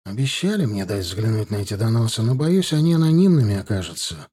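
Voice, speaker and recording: A man's voice: on the low side, sing-song, fast talker, warm tone, husky. A man reading a weary factory director. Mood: resigned. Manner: weary, gloomy.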